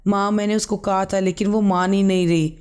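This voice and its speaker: A man with a high voice voicing a weary young husband caught between wife and mother. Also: level tone, fairly quick, darkish tone, smooth, close to an everyday voice. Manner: weary, pleading.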